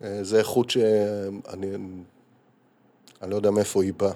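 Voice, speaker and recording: A man's voice: lowish voice, flat delivery, warm tone. A man, hosting a podcast and telling a personal story in an earnest, reflective way. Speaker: podcast host and healer.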